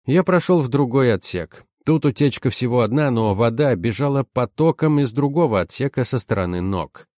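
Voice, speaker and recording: A man's voice: mid-range voice, lively intonation, normal speed, darkish tone, no room sound. Man narrating an audiobook, dry sound. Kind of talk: first-person audiobook narration.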